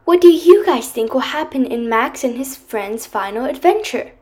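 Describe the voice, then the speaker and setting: A woman narrating a children's audio story in a lively, expressive way. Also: high voice, moderate pace, faint music behind.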